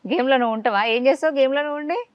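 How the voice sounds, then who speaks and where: A woman runs a casual interview, coaxing a child with a stream of rapid questions. Her voice sits a little high and she talks briskly. The recording is dry and slightly dull, with a lo-fi edge. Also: no room sound.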